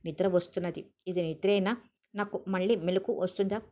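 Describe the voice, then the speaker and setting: A woman's voice: fairly low pitch, steady tone, fairly quick, mellow, natural voice. A woman voicing a weak, frightened young woman who asks anxious questions, on a dull lo-fi recording.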